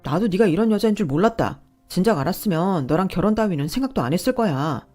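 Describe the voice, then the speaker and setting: A woman's voice: lowish voice, sing-song, brisk, a little mellow, soft background music. A woman voicing a brash, entitled young husband who talks back defensively and dismissively. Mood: angry.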